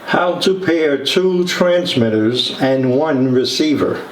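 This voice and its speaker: In an echoey room with faint background noise, a man gives a relaxed, instructional product walkthrough one step at a time. He's a product demonstrator with a mid-range, expressive voice and a slow pace.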